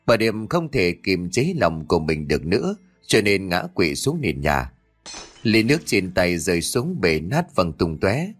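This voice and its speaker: A man narrates a horror story in a low voice that rises and falls vividly. His delivery is dramatic and expressive, with soft music playing faintly behind him. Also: unhurried.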